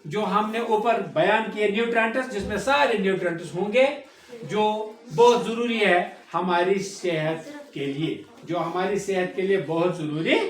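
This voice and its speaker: Echoey classroom teacher prompting students. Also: male voice, high voice, normal speed. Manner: repeats key terms and prompts students to answer back. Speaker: school science teacher. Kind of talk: classroom lecture. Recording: echoey classroom, distant mic.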